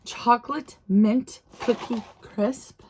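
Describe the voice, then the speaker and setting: A woman vlogger talking casually and gushing with excitement, laughing often as she goes. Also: fairly high pitch, takes it slowly, slight background noise. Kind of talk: casual unboxing vlog.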